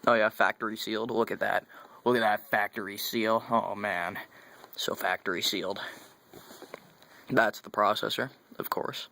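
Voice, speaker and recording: A man's voice: lowish voice, steady tone, moderate pace, sharp tone, no room sound. A young man chatting casually as he unboxes computer parts, rambling and correcting himself as he goes. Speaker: tech vlogger.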